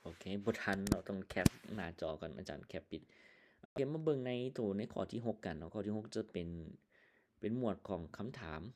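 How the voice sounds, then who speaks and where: A male English teacher with a Lao accent, slowly explaining vocabulary and sample answers in a casual online lesson, with plenty of fillers. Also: on the low side, lively intonation, darkish tone, slight background noise. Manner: slow, explaining words one by one with many fillers.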